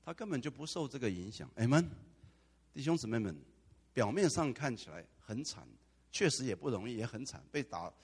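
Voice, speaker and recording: A man preaching a sermon as pastor, animated, with dramatic asides. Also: mid-range voice, normal speed, breathy edge. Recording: long hall reverb.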